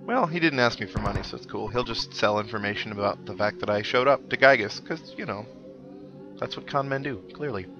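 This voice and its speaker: Over game music in an indoor recording, a man hosts a let's play, giving casual commentary with wry, sarcastic asides. His voice is fairly low and a little fast, and the audio is dull.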